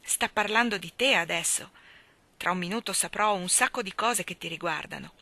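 Cheerful country boy who loves animals, warm and friendly, read by a woman, bright clear tone. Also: fairly low pitch, normal speed. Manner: warm, friendly, hushed at times.

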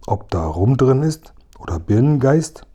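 A man voicing a gruff, greedy male robber who growls and mutters to himself in a storybook reading. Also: medium pitch, very animated, unhurried, dark tone.

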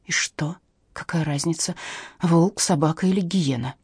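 Nervous woman novelist begging, husky voice, woman reading it. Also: deep voice, normal speed, darkish tone, dry recording, clean studio sound. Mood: anxious. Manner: pleading, nervous. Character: anxious woman novelist, easily frightened.

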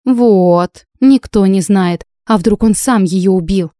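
A woman's voice: mid-range voice, slow pace, dark tone, no room sound, studio quality, lightly acted. A woman voicing a worried, fussy mother with a fretful, emphatic way of talking in an audiobook. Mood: suspicious.

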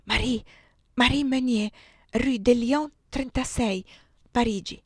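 A woman's voice: fairly high pitch, a little mellow, dry recording, studio quality, voice pushed up. Woman whispering as a dying general. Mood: faint, pleading. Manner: breathy halting whisper. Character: dying wounded male general, faint and delirious. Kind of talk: whispered role-play.

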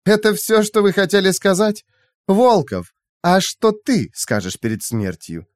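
A cold, sarcastic rogue AI woman, put on by a man, pitched high above a male voice. Her tone drips with honeyed mockery and swings widely. The sound is dry and close. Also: lively intonation, measured pace, dry recording. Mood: mocking, cold.

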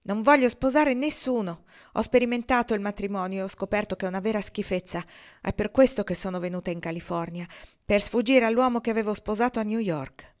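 A woman reading the part of a proud, guarded young woman, blunt and defiant, turning tearful and hushed. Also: on the high side, steady tone, brisk, pitched above the performer's own voice, natural voice.

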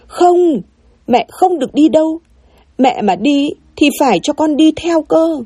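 A woman's voice: high-pitched, lively intonation, measured pace, warm tone, no echo, pitched above the performer's own voice. A woman doing a small boy wailing for his mother. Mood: pleading. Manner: wailing, pleading.

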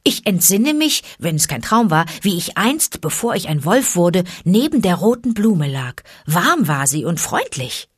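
A woman's voice: fairly low pitch, measured pace, few pauses, husky, no room sound, clean studio sound, full character voice. A woman reading an audiobook, voicing a bold boy raised by wolves who calls out defiantly. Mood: eager. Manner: defiant calling out, lively. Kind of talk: audiobook character voice.

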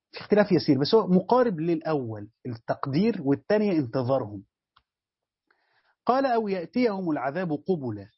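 Egyptian male lecturer, husky and quick, slightly higher voice, dull dry lo-fi recording, explains step by step. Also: no room sound. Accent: Egyptian Arabic. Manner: explains step by step, repeats words, addresses students directly. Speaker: Islamic studies teacher. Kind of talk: lesson commentary on a tafsir text.

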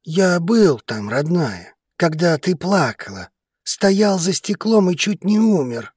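A devoted male dragon lover with a low, husky voice that swings widely in tone, played by a woman narrator. He speaks slowly and softly, almost pleading, in a close, dry sound. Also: big pitch swings, no room sound, full character voice. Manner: low, slow, hushed and pleading. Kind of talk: audiobook character reading.

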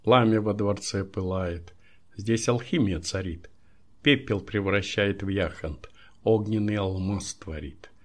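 A man narrating an audiobook in a measured, even storytelling manner. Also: fairly low pitch. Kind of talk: scripted narration.

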